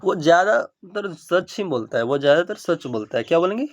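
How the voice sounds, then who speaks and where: A man teaching English through Hindi, speaking. He repeats each English sentence slowly, word by word, and fills gaps with frequent okays. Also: a little high, animated. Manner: frequent ok and now look fillers; speeds up for asides. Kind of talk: spoken English lesson in Hindi.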